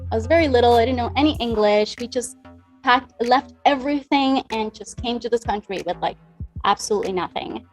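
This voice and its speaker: A woman's voice: on the high side, fairly quick, soft background music. Upbeat talkative woman, money coach. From Dominican Republic. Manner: upbeat, talkative, acts out past conversations. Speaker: guest, money mindset coach. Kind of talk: conversational interview.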